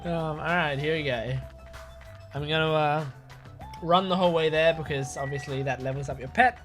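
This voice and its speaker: A casual gameplay commentator who chats about what they are doing on screen, rambling and filling pauses with little ums and uhs. Game music plays faintly underneath, and the voice sits in the middle pitch range. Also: steady tone, a bit bright. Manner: chatty, rambling, with fillers.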